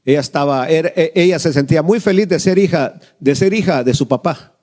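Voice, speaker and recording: A man's voice: on the high side, brisk. A middle-aged male pastor, preaching a sermon and telling a family story, acting out the voices and asking the congregation questions. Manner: animated storytelling, acts out quoted voices, asks the congregation questions.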